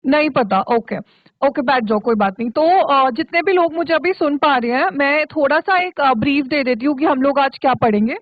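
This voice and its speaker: A woman with a high voice teaches children in an online spoken English class, patient and stopping often to check that they follow. The sound is dry and close, squeezed through a thin, phone-like line. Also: normal speed, no echo. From Uttarakhand, India. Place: studio for a virtual classroom.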